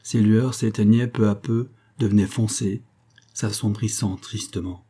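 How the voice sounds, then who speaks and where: A man reading a classic novel aloud as an audiobook narrator, in a measured literary style. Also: lowish voice, fairly even intonation, dark tone, breathy edge.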